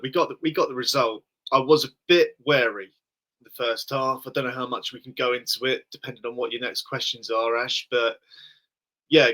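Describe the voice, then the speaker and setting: A man giving casual football opinions as a podcast panellist, rephrasing himself in a halting way. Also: medium pitch, pushed and bright, poor audio.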